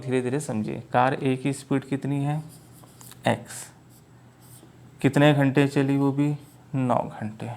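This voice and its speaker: A man teaching math at a board, speaking slowly and often checking that his students follow. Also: medium pitch, a little mellow. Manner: slow, repeats "clear?" checks to students. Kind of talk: board lesson in Hindi mixed with English.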